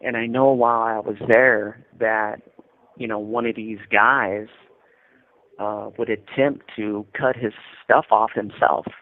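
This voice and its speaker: Calling from prison, an American man in his fifties tells an interviewer about his experiences in a relaxed, explanatory way, frequently returning to points he already made. The prison telephone gives a thin, narrow sound, and his fairly low voice stays steady as he takes his time.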